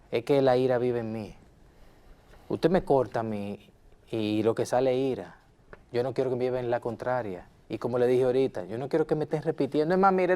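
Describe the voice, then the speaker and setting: A man's voice: mid-range voice, warm tone, lightly acted. A man playing a hot-tempered husband in a role-played counseling session, insistent and repeating himself as he talks to his counselor. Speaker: counseling client.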